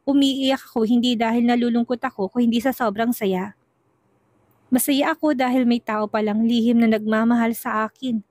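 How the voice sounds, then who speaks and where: A woman narrates a love story in the first person. She tells it softly and steadily in a higher voice. The recording is close and dry. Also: fairly even intonation, normal speed, no echo.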